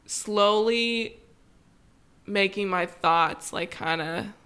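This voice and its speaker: Young woman, clear bright voice, laid-back podcast guest, easy chat with lots of fillers. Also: mid-range voice, extremely slow. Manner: relaxed, calm, with frequent "like" fillers. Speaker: guest, professional volleyball player. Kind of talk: casual podcast conversation.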